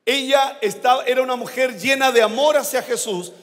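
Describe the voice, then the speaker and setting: A Chilean man preaching a sermon as a pastor, slow and emphatic, rising to shouts at his climaxes. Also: extremely high pitch. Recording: long hall reverb.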